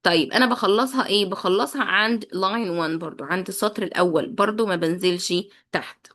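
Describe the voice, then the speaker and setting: A woman's voice: mid-range voice, fast talker, a bit bright. A young adult woman with an Egyptian Arabic accent, teaching children's English basics patiently and repeating each point twice. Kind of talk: explanatory lesson.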